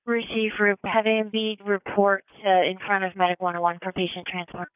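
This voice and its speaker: Female fire dispatcher, medium pitch, brisk procedural readbacks, dry band-limited radio transmission. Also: level tone, smooth, no room sound, phone-quality sound.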